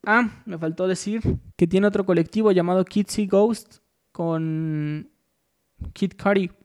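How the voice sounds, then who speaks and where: A man's voice: high voice, steady tone, unhurried, darkish tone. A man hosting a casual solo podcast, rambling loosely with many fillers and restarts. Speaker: podcast host.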